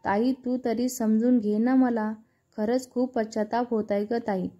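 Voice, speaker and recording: A woman's voice: fairly high pitch, fairly even intonation, measured pace, dark tone, dull audio, faint music behind. A woman voicing a remorseful young woman who pleads with her elder sister. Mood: pleading. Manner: pleading, hesitant.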